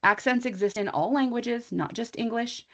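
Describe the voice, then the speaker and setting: An American woman who teaches English gives an informal online training talk, a conversational presentation in which she thinks aloud and makes asides to her listeners. Her voice is fairly high and her pace moderate.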